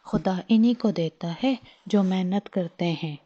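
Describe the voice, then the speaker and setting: A woman's voice: on the low side, measured pace, mellow. A woman voicing a hardworking female duck wife who scolds and nags her lazy husband, in a slightly dull lo-fi recording. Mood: scolding. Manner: scolding, nagging.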